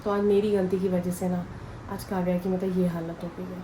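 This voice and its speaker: Chatty young woman vlogger, flat delivery. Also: fairly low pitch, fairly quick, noisy background. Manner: chatty, rambling, talks straight to viewers. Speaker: family vlogger. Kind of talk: casual vlog chat to viewers. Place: home.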